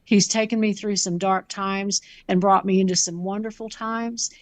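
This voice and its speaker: A woman's voice: mid-range voice, fairly even intonation, normal speed, dry recording. A woman conference speaker talking sincerely and reflectively. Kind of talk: casual chat.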